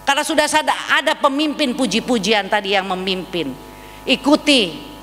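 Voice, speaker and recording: A woman pastor preaches with a bright, forceful voice. She stays lively, acts out little voices and turns to the congregation with questions. Her voice carries a long reverb through a church hall, over a faint hum. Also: a little high, moderate pace. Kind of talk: sermon.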